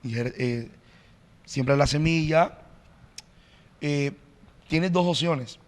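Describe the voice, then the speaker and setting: A male pastor explaining in an earnest, teacherly way as a podcast guest, often pausing on "eh". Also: on the high side, big-room sound. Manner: earnest, teacherly, frequent "eh" fillers. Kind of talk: podcast interview, preaching-like explanation.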